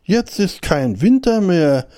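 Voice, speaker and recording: A man's voice: lively intonation, unhurried, vocal fry, warm tone, exaggerated voice. A man reading a storybook, voicing a small, frightened male hare who insists on what he wishes were true. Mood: delighted. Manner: high anxious self-reassuring squeaks.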